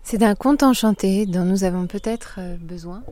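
A woman's voice: medium pitch, moderate pace, mellow, slight background noise. A woman presenting a tale in an inviting, scripted narration.

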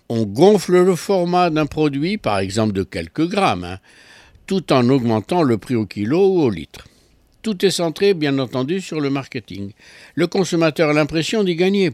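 A man's voice: a little high, no room sound. A man giving a consumer affairs column on local radio, explaining with ironic asides.

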